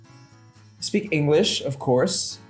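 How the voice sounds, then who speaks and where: A man's voice: on the high side, animated, slow pace, faint music behind. A man in his twenties from the Philippines, a native Tagalog speaker, talking thoughtfully and hesitantly as a guest. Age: 20s. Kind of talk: casual discussion.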